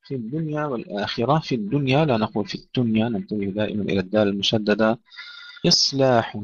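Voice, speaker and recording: A man with a gravelly, husky voice teaches recitation rules, intoning short verse phrases slowly and then explaining each sound carefully. The recording is dry and dull, like a lo-fi close mic. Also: fairly low pitch, fairly bright tone, dry recording. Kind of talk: tajweed lesson.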